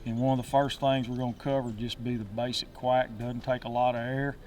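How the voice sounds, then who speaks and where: A man's voice: medium pitch, flat delivery, fairly quick, darkish tone, distant mic, faint music behind. Plain-spoken man coaching, slightly off the mic. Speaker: duck calling instructor. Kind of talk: instructional talk with demonstrations. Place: outdoors, woods by water.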